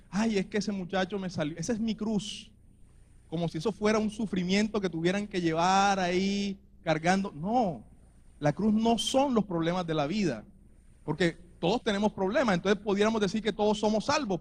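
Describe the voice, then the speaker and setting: Colombian male preacher, high voice, earnest sermon, rises to emphatic urging. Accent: Colombian Spanish. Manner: earnest, building to emphatic exhortation.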